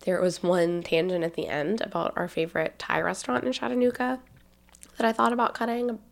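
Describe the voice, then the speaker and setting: A woman's voice: fairly low pitch, fairly even intonation, a little fast, vocal fry. A woman in her twenties with a Southern accent, hosting a casual podcast, chatty and full of ums and likes. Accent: Southern American. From Tennessee. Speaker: podcast host.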